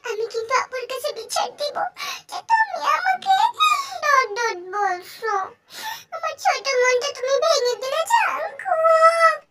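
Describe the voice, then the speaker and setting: A woman's voice: expressive, fast talker, bright, forceful tone, heavily acted. A woman voicing a sulky young man who whines and cries that his feelings are hurt. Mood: whiny. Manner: whining, tearful, squeaky. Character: whiny, sulky young man playing cute.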